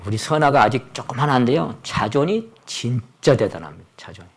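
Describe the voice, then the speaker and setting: A man's voice: mid-range voice, a little fast, slightly rough. A man in his sixties preaching a Sunday sermon at a church service, telling stories and acting out the voices of the people in them. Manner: animated storytelling, acts out quoted voices. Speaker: pastor.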